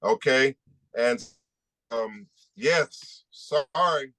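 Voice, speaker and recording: A man's voice: medium pitch, expressive, drawn-out words, a bit bright. A man who is a civil rights attorney giving an impassioned, emphatic statement at a press conference, repeating points for stress.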